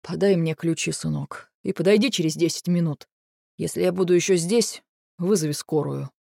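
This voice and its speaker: A woman voicing an older male general with burred r sounds, furious and sarcastic, speaking slowly and bitingly. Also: lowish voice, gravelly, dark tone, dry recording, studio quality. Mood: weak.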